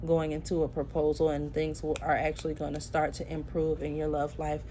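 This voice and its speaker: Her voice is low, warm, brisk and completely flat in delivery as this woman, a tarot reader, does a chatty early-morning reading. She sounds tired and sleepy, addresses viewers as "y'all," and uses many fillers, with slight background noise behind her.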